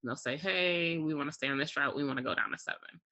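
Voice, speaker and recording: With a quick pace and a bright, forceful medium-pitched voice, an air traffic controller talks casually in an interview. He explains step by step, offering examples and frequently saying "you know" and "like."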